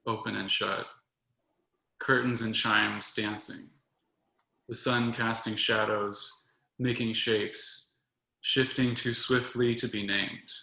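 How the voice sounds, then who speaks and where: A young adult man reading his own poems in a measured, soft-spoken way, with short talk between them. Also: lowish voice, level tone, vocal fry. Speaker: poet reading his work. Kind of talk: poetry reading. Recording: roomy echo.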